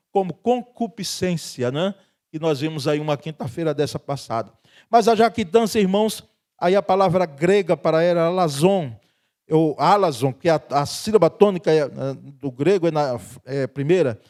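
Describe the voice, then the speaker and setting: A man's voice: a little high, a little mellow. A Brazilian man preaching a sermon as pastor of a church, speaking conversationally, chuckling often and tagging his sentences with questions to the congregation. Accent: Brazilian Portuguese.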